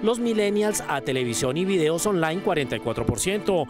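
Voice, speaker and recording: Man reading a news bit, punchy, high voice with big swings, music under it. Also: expressive, a little fast. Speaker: news segment presenter. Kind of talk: scripted news narration.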